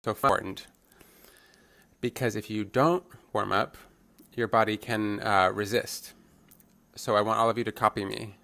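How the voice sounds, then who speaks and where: A man's voice: on the low side, steady tone, unhurried, vocal fry, sharp tone. A man voicing a fitness trainer's signing as a live interpretation, giving upbeat coaching and calling out workout instructions.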